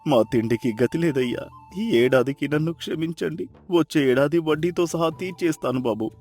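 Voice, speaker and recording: An actor playing a poor farmer who pleads and despairs with anguish in a storybook drama. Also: male voice, a little high, moderate pace, darkish tone, soft background music, natural voice. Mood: begging. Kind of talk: storybook voice acting.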